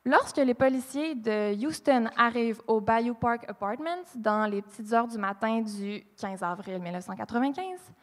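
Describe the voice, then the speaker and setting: A woman with a Québécois accent tells a true crime story live on stage. Her voice sits fairly high. She is animated, acts out each quoted line and drops in fillers, and a long hall reverb trails her words. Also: normal speed, hardly any pauses. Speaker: podcast host telling a true crime story. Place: live stage at a podcast festival.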